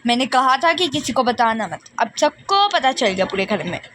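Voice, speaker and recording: A woman's voice: sits high, sing-song, normal speed, fairly bright tone, a little hiss or hum. A woman voicing a short-tempered father who curtly scolds his daughter. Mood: scolding. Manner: curt, scolding.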